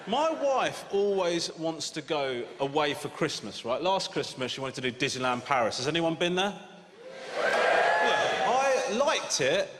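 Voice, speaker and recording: A man's voice: a little high, a little slow, background noise. Man doing stand-up in a big hall. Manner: animated, shouts quoted lines, swears freely. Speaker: stand-up comedian. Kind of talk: stand-up comedy set. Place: large comedy venue with a live audience. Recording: hall reverb with loud audience laughter.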